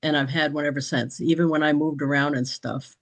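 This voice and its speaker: A woman speaks a little fast in a low, steady voice during a group meeting for business training. Her casual talk rambles, restarts frequently, and carries light laughter, all captured on poor audio.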